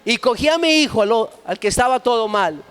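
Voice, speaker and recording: A middle-aged man, preaching a sermon as pastor with impassioned storytelling that rises at times to shouts. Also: very high-pitched, lively intonation, a little fast, clean tone.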